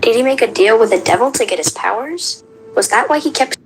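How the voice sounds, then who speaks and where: A woman voicing a friendly, caring young female creature in a fan cartoon, gentle and earnest. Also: a little high, animated, a little fast, soft background music, poor audio. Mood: curious.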